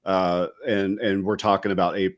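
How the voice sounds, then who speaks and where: Reflective middle-aged man, low voice. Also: level tone, normal speed. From West Virginia. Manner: reflective and candid, loose with fillers like "you know". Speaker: guest, retired special forces soldier. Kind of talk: casual interview talk.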